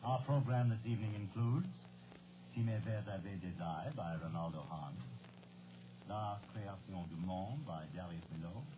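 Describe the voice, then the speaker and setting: An actor playing a soldier who speaks as a formal old radio announcer, in 1940s radio drama style. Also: male voice, fairly low pitch, moderate pace, narrow, tinny audio, close to an everyday voice. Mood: grand, formal. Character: wisecracking American soldier, former radio announcer, in announcer mode. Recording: noisy, thin, band-limited old radio recording.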